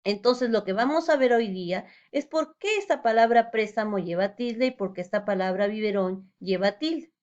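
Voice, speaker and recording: A woman's voice: mid-range voice, normal speed, few pauses, a little mellow, highs cut off. A woman teacher giving a recorded lesson, explaining step by step and asking rhetorical questions.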